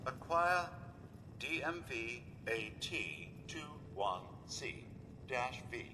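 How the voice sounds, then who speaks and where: Robot clerk processing queries. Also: male voice, mid-range voice, slow pace. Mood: bureaucratic monotone. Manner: flat, clipped computer-processing announcements. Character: monotone male robot clerk at a records office. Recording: game audio with steady background noise.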